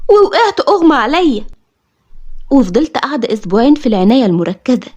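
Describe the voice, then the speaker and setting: Egyptian woman, high voice, dramatic first-person storytelling, emotive, muffled lo-fi sound. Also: warm tone. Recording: dull lo-fi audio.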